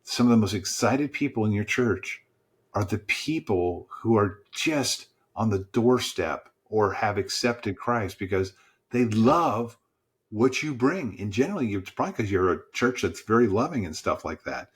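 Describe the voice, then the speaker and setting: A man, a church small-group pastor, telling stories as a podcast guest in a lively, encouraging preacher's manner and acting out the dialogue. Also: moderate pace, husky. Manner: lively storyteller who acts out dialogue with sudden pitch jumps. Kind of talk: storytelling in a podcast conversation.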